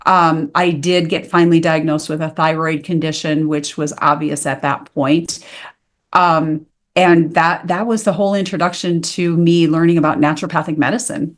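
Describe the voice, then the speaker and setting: A deep-voiced American woman in her fifties, a naturopathic practitioner appearing as a guest, retells her story. She brings it to life with animated, acted-out dialogue.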